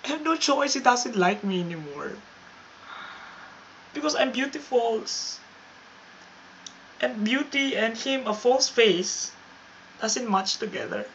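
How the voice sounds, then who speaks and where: Self-flattering Filipino woman, dull lo-fi. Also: fairly high pitch, slow pace, long pauses. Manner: mock-confident, self-flattering, deadpan boasting. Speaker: vlogger. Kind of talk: comic monologue to camera. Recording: dull lo-fi with faint hiss.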